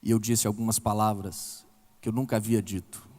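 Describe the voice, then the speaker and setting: A man's voice: flat delivery, moderate pace, darkish tone, long reverb tail. A man in his forties with a Brazilian accent, preaching a sermon as a pastor and telling stories with big swings in his voice. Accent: Brazilian Portuguese. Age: 40s. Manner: emotional storytelling with big pitch swings. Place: church hall.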